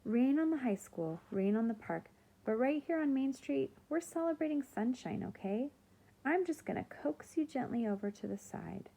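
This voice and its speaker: A woman reading aloud, voicing an earnest young schoolgirl with water magic who talks in a gentle, coaxing way. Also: high-pitched, expressive, normal speed, gravelly, voice pushed up, exaggerated voice.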